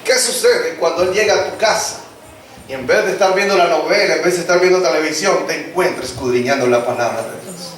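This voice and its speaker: A man's voice: fairly high pitch, brisk, a bit bright, a little hiss or hum. A man preaching a sermon, leading call-and-response and acting out family dialogues. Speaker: pastor. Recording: echoey church hall, distant mic, congregation.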